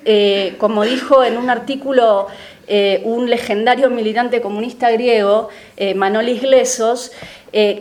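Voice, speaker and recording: Woman giving a measured political talk. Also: a little high. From Argentina. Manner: analytical, measured, frequent hesitation fillers. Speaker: panel speaker on politics.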